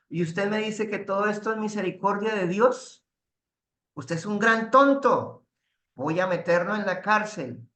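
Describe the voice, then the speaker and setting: A man voicing an angry wounded king from a tale who is shouting accusations in indignation. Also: high voice, pitched above the performer's own voice. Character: furious wounded old-tale king, bellowing. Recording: roomy echo.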